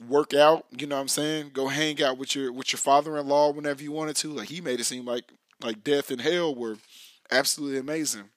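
An American man hosting a casual solo podcast in a hoarse, raspy whiskey voice, half lost, rambling and slangy as he addresses listeners directly. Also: on the high side, fairly even intonation, a little fast, no echo. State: hoarse, losing his voice. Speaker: podcast host.

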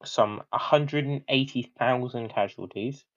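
A young British man chatting loosely on a history podcast, rambling through his points and dropping the odd swear word. His voice sits at a middle pitch. The audio is a bit dull and lo-fi. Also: a little slow. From Britain. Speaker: co-host. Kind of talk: casual history podcast chat.

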